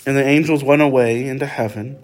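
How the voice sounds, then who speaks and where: A man's voice: medium pitch, fairly even intonation, brisk. A man leading a casual Bible study, talking conversationally and often checking in with his listeners with tag questions.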